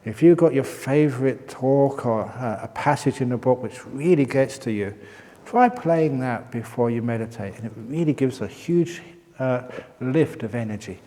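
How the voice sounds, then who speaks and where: A man's voice: medium pitch, expressive, normal speed, mellow. A middle-aged man gives a dharma talk and tells stories with relish. His voice sits in the middle range, and a long reverb from the meditation hall trails behind his words. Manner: storytelling, breaks into laughter. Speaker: meditation teacher monk.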